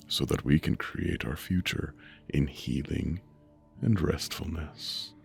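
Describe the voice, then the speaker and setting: Male meditation narrator, bottomless gravelly rumble, unhurried soothing delivery with long pauses, music underneath. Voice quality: deep rumbling voice. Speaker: meditation guide. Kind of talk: guided sleep meditation narration. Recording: soft music bed under voice. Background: soft music.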